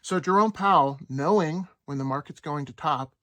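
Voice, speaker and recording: A man's voice: a little high, moderate pace, no echo. Host, male, 30s, sarcastic casual commentator, dry close mic. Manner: sarcastic, lively, with mocking quoted voices.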